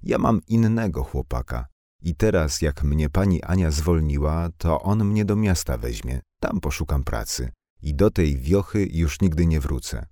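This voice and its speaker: A man's voice: extremely low pitch, expressive, measured pace, mellow, no echo, clean studio sound, full character voice. A man voicing a talkative, blunt young village woman with slangy, impulsive speech. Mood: chatty.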